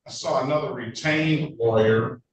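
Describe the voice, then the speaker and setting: A man presiding as a judge over court proceedings, brisk and procedural with chatty asides, heard in a courtroom recording. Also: mid-range voice. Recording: echoey courtroom, distant mic, faint noise.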